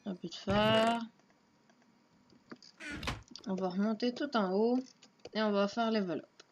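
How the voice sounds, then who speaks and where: In an unhurried, medium-pitched voice with fairly even intonation, a woman gamer mutters her moves and gives offhand, casual commentary during her let's play. The recording comes from a dull lo-fi home mic with faint noise.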